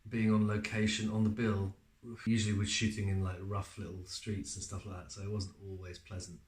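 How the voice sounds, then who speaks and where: Relaxed chatty man in a roomy space. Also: lowish voice, fairly quick. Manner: relaxed, chatty storyteller with frequent fillers. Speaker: actor being interviewed. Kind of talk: casual interview answers.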